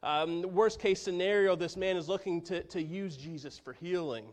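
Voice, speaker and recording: A male pastor preaching a sermon in a slightly high voice. He speaks earnestly and often falls to a near hush to stress a point. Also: normal speed. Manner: earnest, drops to a hush for emphasis.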